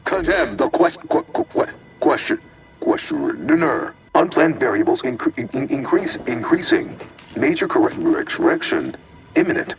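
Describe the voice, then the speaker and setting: A man's voice: fairly high pitch, wildly swooping pitch, unhurried, far from the mic, faint music behind, rough recording. An actor voicing a malfunctioning male archive AI whose speech glitches into stuttered, looping fragments of words. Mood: glitching. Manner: clipped machine announcements broken by looping errors. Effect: glitching robot voice, stuttering and repeating.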